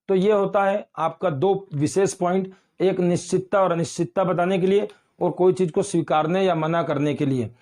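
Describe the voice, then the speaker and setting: Higher-voiced man teaching grammar. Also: darkish tone. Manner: explains slowly with repeated examples, addresses students as beta. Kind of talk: online exam-prep lecture.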